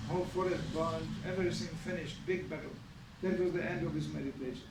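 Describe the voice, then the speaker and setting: Recorded from afar in a reverberant hall with noise in the background, a man with a fairly high, steady voice talks quickly through a storytelling sermon. He's a spiritual teacher leading a scripture class, conversational in tone and often turning aside to address listeners.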